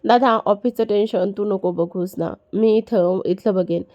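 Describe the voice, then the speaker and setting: A playful younger brother in a spoken story, always bickering and teasing, as a woman puts him on. He talks with lively cheek. The tone stays mellow. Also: mid-range voice, unhurried, lo-fi sound, lightly acted.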